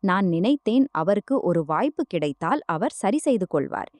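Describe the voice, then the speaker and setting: Woman voicing a shaky, quiet, guilt-ridden mother in a storybook drama; dry, close sound. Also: medium pitch, big pitch swings, normal speed, no room sound, close to an everyday voice. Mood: pleading. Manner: quiet, trembling.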